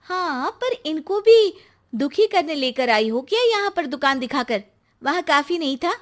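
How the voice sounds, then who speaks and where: A woman voicing an earnest, trusting young wife in an animated story, quick to protest. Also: high voice, pitched above the performer's own voice.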